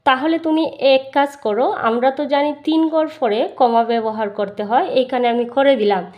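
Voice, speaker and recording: A woman's voice: high-pitched, brisk, a little mellow. A woman with a Bangladeshi Bengali accent teaching a primary school math lesson, explaining step by step and answering her own questions.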